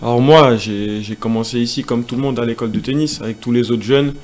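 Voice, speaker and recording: A man in his twenties who grew up in Senegal, a tennis player answering interview questions in a relaxed, casual way. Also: medium pitch, fairly quick. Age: 20s. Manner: relaxed, casual, many fillers.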